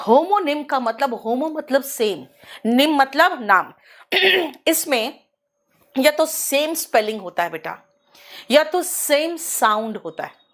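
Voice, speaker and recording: Woman English teacher, slightly high and very expressive voice, leisurely pace, calls her students beta, mixes English terms into her explanations. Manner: addresses students as beta, scolding and coaxing. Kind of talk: online class lecture.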